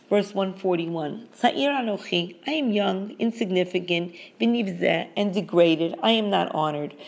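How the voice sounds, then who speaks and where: A woman giving a measured scripture lesson, reading each verse in Hebrew and then explaining it in English. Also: on the low side, vocal fry, darkish tone. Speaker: Torah teacher.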